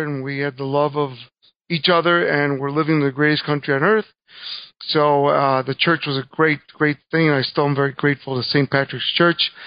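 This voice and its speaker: A man's voice: a little high, no room sound. A middle-aged man from Cuba, a guest speaker telling his life story in an earnest way, with fillers. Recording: dull, dry recording.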